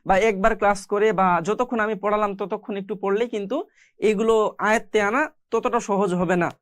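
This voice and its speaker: A patient Quran reading teacher gives a step-by-step recitation lesson, naming each letter and vowel mark before slowly drawing the word out. The voice sits at a middle pitch and sounds close and dry, with no room around it. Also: no echo. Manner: spells out letters and vowel marks one by one, then slowly draws out each word; patient, explanatory, addressing viewers directly.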